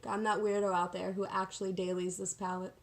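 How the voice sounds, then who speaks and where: Woman, medium pitch, casual makeup vlogger, slangy, sassy, self-mocking, chatty. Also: level tone, a little fast. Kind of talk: casual chatty get-ready-with-me tutorial.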